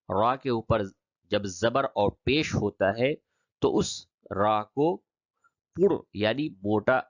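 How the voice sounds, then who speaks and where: A man teaching a Quran reading lesson, explaining quickly, then spelling out and chanting words slowly. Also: on the low side, lo-fi sound.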